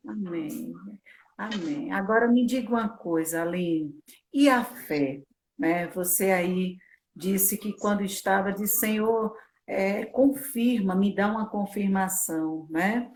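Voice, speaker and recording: Woman host, slow steady talk, live faith interview on video call, faint noise behind. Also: medium pitch.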